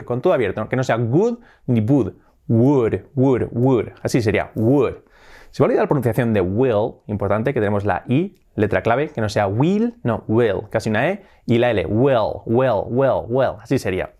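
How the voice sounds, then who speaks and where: A man from Spain teaching English in a video lesson, repeating example words slowly and carefully. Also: medium pitch. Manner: slow, drawn-out repetition of example words.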